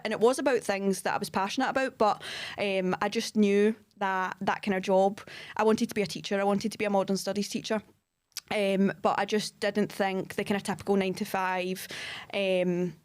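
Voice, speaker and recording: A woman's voice: mid-range voice, darkish tone. A woman in her twenties co-hosting a podcast, telling her story in a chatty way with frequent ums. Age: 20s. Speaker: podcast co-host, fitness coach. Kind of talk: casual chat.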